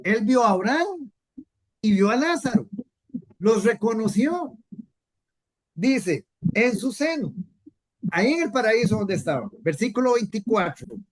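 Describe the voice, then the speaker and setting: A woman's voice: a little high, big pitch swings, measured pace, long pauses. A woman teaching a Bible class in an earnest way, repeating key points and asking rhetorical questions.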